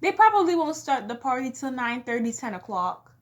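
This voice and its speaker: A woman's voice: high voice, big pitch swings, a little fast. A young woman vlogging in a casual, comedic way, speaking emphatically and talking straight to her viewers. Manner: emphatic, addresses viewers directly.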